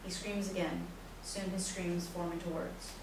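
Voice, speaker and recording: A woman with a lowish voice reads scripted stage directions at a play reading, her delivery flat and a little slow. She is far from the mic in a very echoey indoor room, and the recording is noisy.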